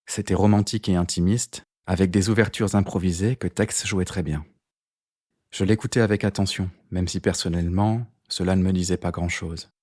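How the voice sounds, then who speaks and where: A man narrating a novel as an audiobook in a measured, even reading. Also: low-pitched, slightly rough, no room sound, clean studio sound. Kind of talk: scripted narration.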